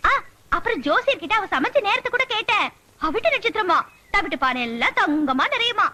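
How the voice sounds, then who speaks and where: An actress playing a chatty, sharp-tongued young village woman in a Tamil film scene. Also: very high voice, big pitch swings, brisk, heavy background noise. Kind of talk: Tamil film comedy acting.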